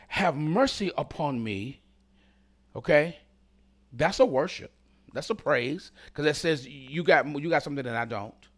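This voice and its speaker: A man with a mid-range voice preaches a sermon directly to the congregation. He swings between loud calls and hushed whispers.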